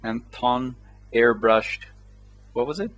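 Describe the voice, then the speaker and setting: A man's voice: medium pitch, takes it slowly, a bit bright, poor audio. Laid-back chatty male interviewer. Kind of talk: casual interview.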